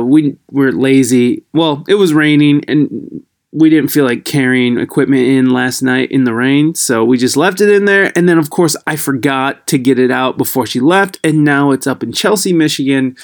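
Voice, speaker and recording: A man hosting a podcast intro, a little high, rambling and losing his train of thought, recorded through a laptop's built-in microphone that sounds tinny. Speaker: podcast host.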